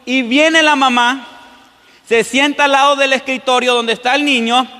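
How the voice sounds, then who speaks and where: A man's voice: very high-pitched, steady tone, normal speed, sharp tone. A man preaching a sermon as pastor in a church, often putting questions to the congregation. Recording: long church-hall reverb.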